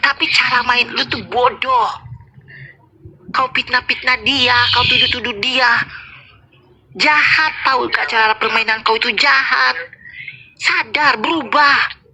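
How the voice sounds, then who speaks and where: A woman's voice: fairly high pitch, steady tone, unhurried, creaky, long pauses, bright, forceful tone, rough recording. A woman berating someone in a heated phone argument, hurling insults.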